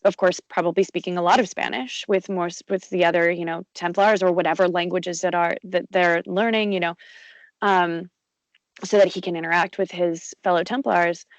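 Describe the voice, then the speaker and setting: A woman's voice: on the low side, steady tone, normal speed, no room sound, muffled recording. A woman audiobook narrator and voice actor talking in an interview, chatty, with many fillers, restarts and easy laughs. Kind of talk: conversational interview.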